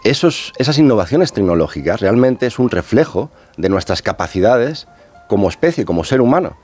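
A man, an underwater archaeologist being interviewed, explaining in a measured, patient way with pauses. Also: on the low side, very animated, a little mellow, soft background music. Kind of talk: explanatory radio interview talk.

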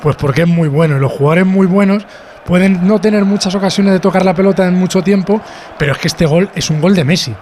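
A man analyses football quickly in a high voice. He is insistent, stacking short clauses, with faint noise behind him. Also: darkish tone. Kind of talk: match analysis.

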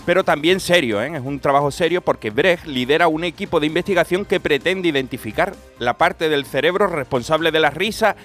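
A fairly high-voiced man from co-hosts a radio show as its comedian. He tells stories with a laugh, jokes along the way and slips into little acted-out voices. Faint music plays underneath. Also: brisk, hardly any pauses, fairly bright tone. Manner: jokey, laughing, acts out voices. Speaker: comedian co-host. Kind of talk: casual radio chat.

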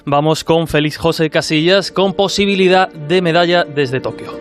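A man hosting a radio show, briskly prompting his co-host and handing over to a reporter. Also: on the high side, over loud music.

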